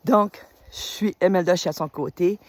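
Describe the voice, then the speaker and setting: A fairly low-pitched woman in her fifties from New Brunswick, Canada, speaks at a normal speed with no echo. A retired teacher who leads a spiritual group, she records a casual welcome video for her followers while standing on a winter road. Her manner is warm and enthusiastic, rambling along with plenty of fillers.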